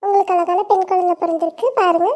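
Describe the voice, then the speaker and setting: A child playing a businesslike hospital nurse who gives brisk instructions. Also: very high-pitched, flat delivery, darkish tone.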